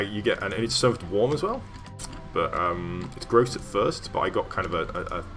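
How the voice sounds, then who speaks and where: A man streaming while he builds, chatting casually and rambling with many fillers and restarts. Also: low-pitched.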